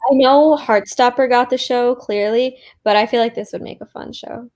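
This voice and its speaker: A young woman co-hosting a casual book livestream, sleepy and relaxed, laughing easily. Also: fairly high pitch, moderate pace. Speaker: co-host.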